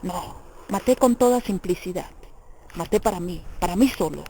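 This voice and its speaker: A woman's voice: fairly low pitch, normal speed, mellow, slight background noise, natural voice. A woman reading the part of a tormented young male murderer in an audiobook, in a brooding, intense, questioning manner. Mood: anguished.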